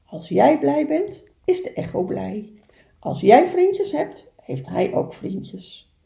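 Woman voicing a calm wise old beaver. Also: high voice, slow pace, creaky, echoey room, voice pushed up, exaggerated voice. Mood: gentle. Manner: calm, gently explaining.

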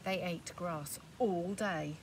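A woman, a teacher reading a storybook aloud to children outdoors and inviting them to join in. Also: lowish voice. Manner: slow, expressive, asks children to join in. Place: outdoors by a grassy hill. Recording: far mic with outdoor traffic noise.

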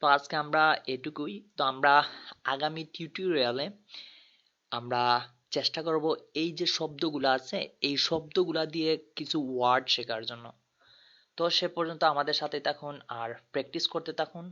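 A man's voice: fairly high pitch, brisk, sharp tone. A man teaching a tutorial, patiently spelling out letters one by one. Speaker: language tutor. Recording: dull lo-fi recording.

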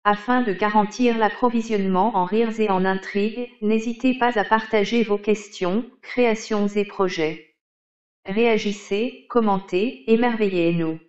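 A synthetic female voice from an older desktop speech synthesizer, reading written text in mechanical, even phrasing. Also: mid-range voice, a little slow, roomy sound, highs cut off. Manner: mechanical, evenly read phrasing.

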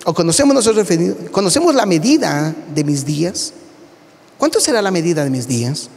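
A man preaches from the pulpit, his voice high and gravelly with rough fry at the edges. He tells his stories with lots of animation and keeps addressing the congregation as brother. The sound carries a long reverb tail from a large church hall. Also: sing-song, fairly quick, darkish tone. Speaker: pastor. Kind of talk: sermon.

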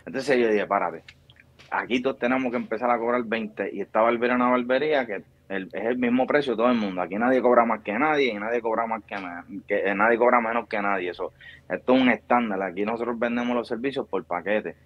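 A man's voice: mid-range voice, fast, no room sound, lo-fi sound. A man in his thirties with a Puerto Rican accent, a barbershop founder explaining his business at length in a video call interview. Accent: Puerto Rican Spanish. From Puerto Rico. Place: small room with a bare grey wall. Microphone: video call mic.

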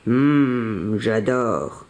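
A storyteller voicing a big, good-natured bison who teases in a gruff but kind way. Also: medium pitch, lively intonation, very slow, a little mellow, pitched below the performer's own voice. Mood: kindly. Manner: gruff, teasing, chuckling. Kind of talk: storybook read-aloud.

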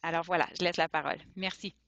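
A woman, a teacher and program lead, speaking measured remarks on a video call. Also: fairly low pitch, fairly even intonation, creaky, a bit bright, no echo. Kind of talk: meeting remarks.

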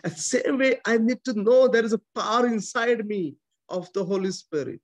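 His voice is high and his speed normal: a priest in his forties with an Indian accent, whose first language isn't English. He gives a sermon by video call from a small chapel, captured on a close webcam. Emphatic, he repeats himself, restarts often, and gestures as he talks.

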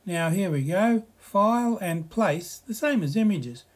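Man narrating a software slideshow tutorial. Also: high-pitched, measured pace. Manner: relaxed, explanatory, reads slides aloud with asides.

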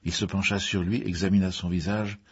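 A man narrating a mystery story in the first person, in a measured reading with occasional fillers. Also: low-pitched, little pitch movement, husky, highs cut off. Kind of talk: audiobook reading.

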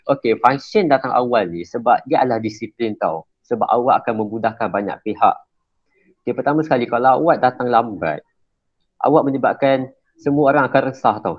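A man giving an informal workshop lecture to school prefects, chatty and often checking whether his listeners understand. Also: mid-range voice. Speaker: emcee trainer for school prefects. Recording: slightly dull lo-fi recording.

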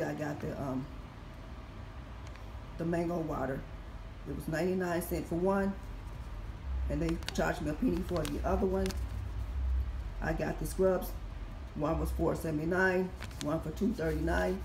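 A couponing vlogger in her 50s, raspy and low-pitched, is recovering from surgery as she slowly and methodically reads prices off receipts during a casual haul walkthrough. She films indoors at home with her phone camera above the items. The room echoes, and faint background noise can be heard.

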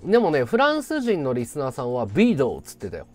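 Excitable man hosting a livestream. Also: mid-range voice, very fast, faint music behind. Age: 30s. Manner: excitable, loud bursts of thanks and hype. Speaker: livestream host. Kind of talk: casual livestream chat thanking viewers.

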